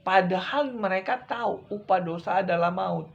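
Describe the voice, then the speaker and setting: A male evangelist preaching a sermon, repeating his points and swinging from loud, urgent lines to hushed ones, speaking straight to his listeners. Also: high voice, normal speed, creaky, dull audio. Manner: addresses listeners directly as brethren.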